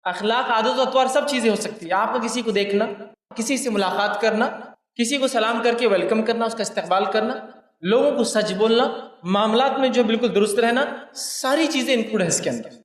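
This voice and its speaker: A high-voiced man preaches a religious lecture. He repeats each point and speaks straight to his listeners. The sound rings through a large hall from a distance. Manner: repeats points for emphasis, addresses listeners directly. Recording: echoey hall, mic at a distance.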